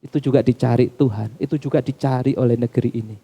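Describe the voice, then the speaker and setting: A man preaching a sermon in a church, calling the congregation Bapak Ibu Saudara as his pitch climbs and drops. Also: steady tone, quick pace, vocal fry, warm tone, husky. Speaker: pastor.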